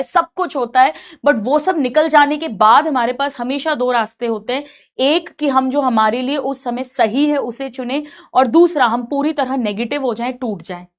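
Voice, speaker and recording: A middle-aged woman with a high voice gives a motivational talk to her students. She sounds motherly and caring, and she stresses points by repeating them. She slips English phrases into what she says. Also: moderate pace. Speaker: coaching teacher.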